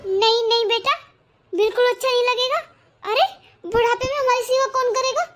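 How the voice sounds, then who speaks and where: A woman's voice: very high-pitched, steady tone, normal speed, fairly bright tone, soft background music. A fretful older cartoon mother. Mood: fond. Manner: scolding then fretting.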